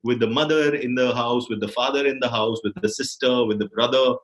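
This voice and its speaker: A man's voice: mid-range voice, steady tone, brisk. A man with an Indian accent in reflective conversation, searching for words and repeating phrases as he thinks. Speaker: filmmaker.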